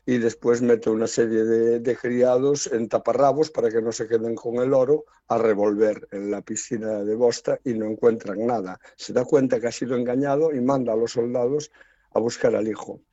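A man's voice: medium pitch, steady tone, dark tone, no room sound. Wry Spanish man telling a folk tale. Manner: unhurried, wry storytelling with quoted voices. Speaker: storyteller. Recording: dull lo-fi, dry sound.

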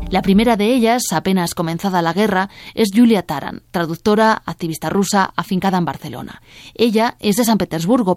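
A woman hosting a news podcast, reading a scripted introduction and asking interview questions in a clear, measured way. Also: mid-range voice, darkish tone.

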